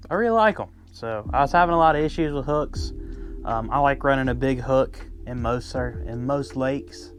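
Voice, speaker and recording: Chatty man explaining fishing rigs. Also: medium pitch. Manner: chatty, lots of ums and restarts, addresses viewers as guys. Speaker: fishing vlogger. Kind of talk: casual how-to talk. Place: on a boat on a river. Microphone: first-person camera.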